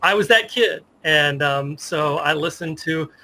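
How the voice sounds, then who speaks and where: This fifties-aged guest from Virginia, who works in sports media, recounts stories in a casual interview with eager nostalgia. His fairly high, sharp-toned voice keeps a measured pace.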